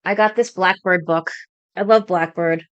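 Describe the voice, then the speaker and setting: A woman's voice: lowish voice, fairly even intonation, moderate pace, dry recording, dull audio. A woman in her forties with a Brooklyn accent, chatting casually and a little rambling as she shows her cross stitch projects on her home video channel. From Brooklyn, New York. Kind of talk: casual show-and-tell chat.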